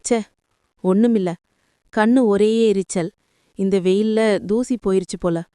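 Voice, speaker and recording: A gentle, quiet older housemaid with a stern edge that keeps giving way to tenderness, as a woman narrator puts her on. She speaks softly and clearly, slow and pleading, in a dark, smooth tone. A storybook reading voice. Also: mid-range voice, steady tone, dry recording, studio quality, close to an everyday voice. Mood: brushing off.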